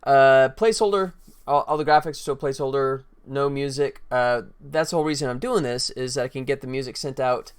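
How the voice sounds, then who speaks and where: Speaking a little fast, this man has a mid-range voice that's clear and resonant. He runs a casual livestream about game development, talking straight to his viewers in a chatty, informal way and showing work in progress.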